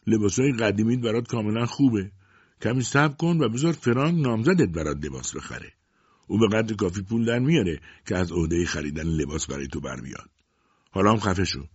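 A man voicing a strong, stingy, greedy middle-aged mother who scolds and shouts at her daughter in a storybook reading. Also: fairly low pitch, expressive, husky, no echo. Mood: scolding. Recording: dull dry lo-fi audiobook recording.

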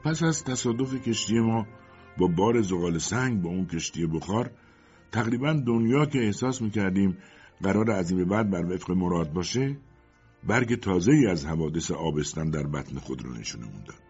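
A man reading scripted first-person narration for an audiobook with a steady storytelling delivery. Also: deep voice, breathy edge, lo-fi sound, faint music behind.

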